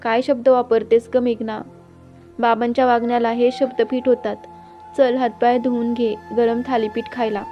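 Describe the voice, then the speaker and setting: A weary, long-suffering mother, as a woman narrator reads her answers back quietly and defiantly. Her voice is high and flat. The recording is muffled, with faint music behind. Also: normal speed, natural voice.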